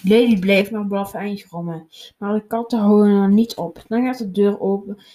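A woman reading a children's picture book aloud, slowly and with small slips and restarts. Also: medium pitch, steady tone, dark tone, roomy sound. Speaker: storybook reader.

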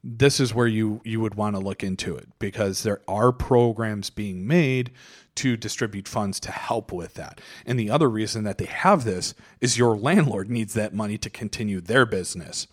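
A man's voice: fairly low pitch, moderate pace. A man co-hosting a casual podcast, explaining things at length with frequent fillers and restarts. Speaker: podcast co-host.

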